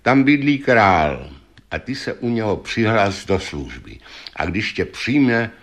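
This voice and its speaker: A man's voice: lowish voice, sing-song. A man voicing a wise talking magic horse. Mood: warning.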